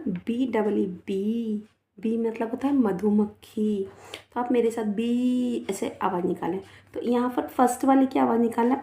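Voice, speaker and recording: A woman's voice: on the high side, creaky, warm tone, reverberant. A woman teacher with a Rajasthan Hindi accent, giving a children's phonics lesson. She spells each word out letter by letter, repeats it, and coaxes her pupils along. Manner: slow, spells words letter by letter and repeats them; coaxing, often adds 'है ना' and 'बेटा'.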